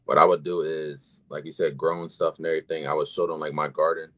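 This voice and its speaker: A man with an extremely deep voice talks as a podcast guest. His tone is husky and a bit raspy, and he speaks in an easygoing, plainspoken way. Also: flat delivery, fast, bright, forceful tone. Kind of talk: casual podcast chat.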